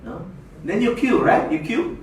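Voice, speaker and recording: A man's voice: high voice, lively intonation, a little slow. A man from the Philippines giving a playful motivational seminar talk, often asking the audience "no?" and laughing. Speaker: network marketing speaker. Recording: echoey room, voice from far off, faint hiss.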